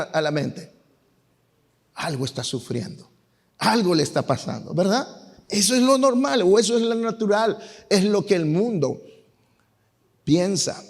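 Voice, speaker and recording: A male pastor preaching in a church, his voice pitched high for a man. He questions his congregation often and then answers the questions himself. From Peru. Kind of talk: sermon. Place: church sanctuary.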